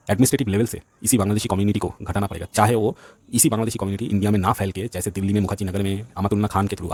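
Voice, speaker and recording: Fast-talking agitated man. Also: on the low side, darkish tone, breathy edge, dry recording. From West Bengal, India. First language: Bengali. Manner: agitated, repetitive, keeps saying "bhai sahab". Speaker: vlogger. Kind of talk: heated political monologue.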